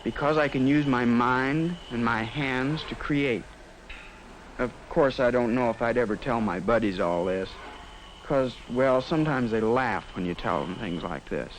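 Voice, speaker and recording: A man's voice: medium pitch, unhurried, natural voice. An actor playing a sincere teenage craftsman, narrating his thoughts in a reflective 1950s educational film voice-over. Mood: bashful. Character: earnest teenage schoolboy craftsman musing to himself. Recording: faintly noisy 1950s film soundtrack.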